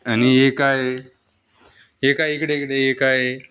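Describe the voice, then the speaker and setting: A man chatting playfully with a small child over toy animals at home, coaxing and full of excited exclamations. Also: mid-range voice, slow, smooth. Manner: animated, exclamatory, coaxing, with frequent "arey" and "baapre". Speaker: adult playing with a small child. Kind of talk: playful chat with a toddler.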